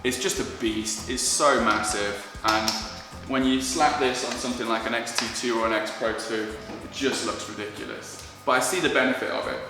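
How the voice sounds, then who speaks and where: A man's voice: medium pitch, steady tone, moderate pace. A man talking casually and informally about his gear in a vlog, self-deprecating, recorded in a very echoey indoor space. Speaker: wedding photographer presenting his gear. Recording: very echoey, reverberant room, faint music.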